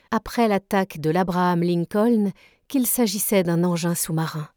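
A woman reading a classic novel aloud in a measured, even narration. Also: mid-range voice, no room sound, studio quality. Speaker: reader. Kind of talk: literary read-aloud.

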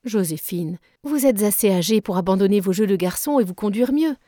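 A woman's voice: mid-range voice, expressive, brisk, mellow, no room sound, studio quality, lightly acted. A woman voicing a sensible eldest teenage sister in a storybook reading, lecturing earnestly. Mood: scolding.

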